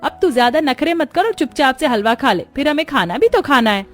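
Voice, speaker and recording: A man's voice: very high-pitched, very animated, fairly quick, a bit bright, pitched above the performer's own voice, exaggerated voice. A man voicing a stingy, bossy older mother-in-law in a storybook cartoon, fussing over every penny. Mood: scolding. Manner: thrifty, fussy, bossy. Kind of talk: storybook narration.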